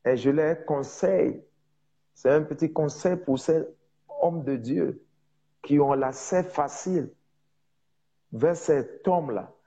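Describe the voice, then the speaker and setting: A man preaching in French with a foreign accent, a non-native speaker teaching informally on evangelism, with emphatic repetition and halting searches for words. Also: fairly high pitch, creaky, warm tone, slightly rough, lo-fi sound. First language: not French, speaks it as a second language. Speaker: preacher, prophet.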